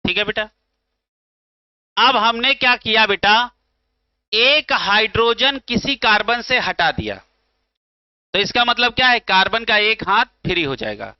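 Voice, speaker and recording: A man's voice: sits high, lively intonation, a little slow, long pauses, smooth, dry recording. A man teaching chemistry in Hindi, with a north Indian accent, putting questions to his students and answering them himself, calling them beta. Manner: calls students beta and bhaiya. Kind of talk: classroom lecture. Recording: slightly dull, dry sound.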